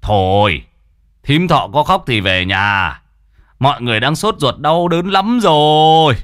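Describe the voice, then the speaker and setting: A man's voice: medium pitch, expressive, a little slow, fairly bright tone, no echo, clean studio sound, pitched above the performer's own voice. Man doing a stern older guy, snappy and irritated. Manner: curt, irritated. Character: stern elder brother snapping at the mourners.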